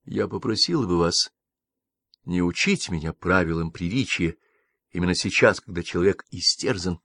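A man reading an audiobook, voicing a detached young woman who speaks flatly. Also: deep voice, normal speed, vocal fry, dry recording, studio quality, exaggerated voice. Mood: cold. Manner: flat and detached. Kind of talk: audiobook character voice.

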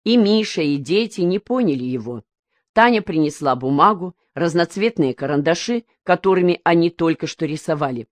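A woman audiobook reader narrating a novel in an even, measured storytelling manner. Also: on the low side, no echo.

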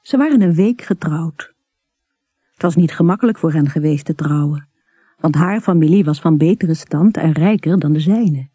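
A narrator with a mid-range voice reads a literary story in a measured, unhurried way. The tone is husky and soft, and there's no room sound.

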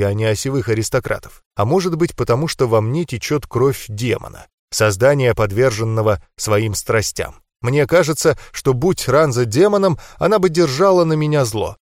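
A man narrates an audiobook in the first person, with steady, even storytelling at a mid pitch. His voice is recorded close and dry, with no room sound behind it. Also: dry recording.

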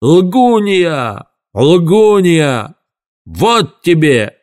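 A man voicing a furious, cursing grown man who runs a fairground gallery, shouting slowly and heavily in an audiobook, with faint music behind. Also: mid-range voice, lively intonation, smooth. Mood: enraged. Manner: bellowing, cursing, slow and heavy.

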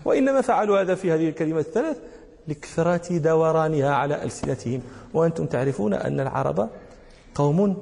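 A man's voice: fairly high pitch, lively intonation, fast, gravelly, darkish tone, long reverb tail. A man with a Moroccan accent teaching a grammar lesson, quizzing his class and often chuckling.

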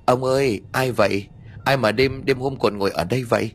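A man's voice: mid-range voice, fairly quick, soft background music, close to an everyday voice. A man voicing a terrified little village boy who stammers as his voice breaks with fear.

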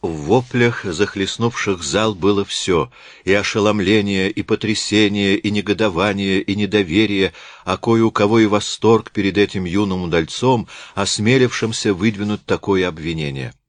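A man narrating a classic novel in a lively, dramatic reading. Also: lowish voice, moderate pace, no room sound. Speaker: audiobook narrator.

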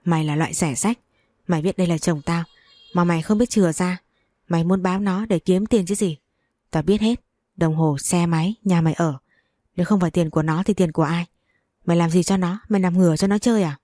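A woman's voice: lowish voice, brisk, warm tone, no echo, studio quality, close to an everyday voice. A woman voicing a furious, betrayed wife who curses and scolds harshly.

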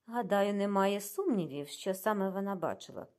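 A woman reading the lines of a shrewd middle-aged male detective who questions calmly and pointedly. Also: medium pitch, moderate pace, lightly acted. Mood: probing.

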